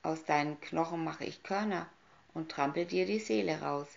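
A woman voicing a big, heavy female goat with a loud, hoarse voice, fierce and fast, in a storybook reading on a dull lo-fi recording. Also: low-pitched.

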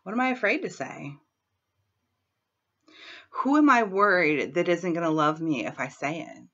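Her voice fairly low, bright and animated, an unhurried tapping coach in her thirties guides a session on her laptop webcam from a small room at home. Hoarse from a head cold, she talks frankly and clears her throat throughout this self-help vlog, captured with dull lo-fi webcam sound.

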